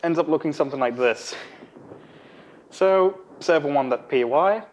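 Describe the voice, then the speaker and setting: A young man giving an informal technical lightning talk at a podium, with a halting, hesitant delivery. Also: a little high, a little mellow. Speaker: conference speaker. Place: conference room at a podium. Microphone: podium microphone.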